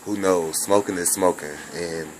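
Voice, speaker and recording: Deep-voiced man with a Bahamian-Jamaican accent. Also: fairly even intonation, darkish tone, slight background noise. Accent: mixed Bahamian, Jamaican and American. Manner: rambling, repetitive, drawn-out. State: recovering from bronchitis. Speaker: vlogger recording a personal message. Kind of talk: casual personal video message. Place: hospital room.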